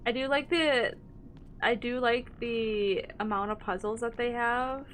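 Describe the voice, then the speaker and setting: A woman's voice: on the high side, fairly even intonation, a little slow, a bit bright, slight background noise. A young woman streaming a horror game, thinking aloud in casual commentary with lots of fillers and hesitations.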